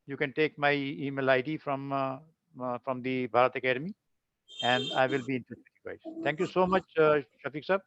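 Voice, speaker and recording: A man's voice: mid-range voice, fairly quick, a bit bright, clear, resonant tone, no room sound. An older man with an Indian accent, a teacher giving a humble, rambling, informal address to students online. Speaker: IT teacher and workshop speaker. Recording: dull lo-fi web conference audio.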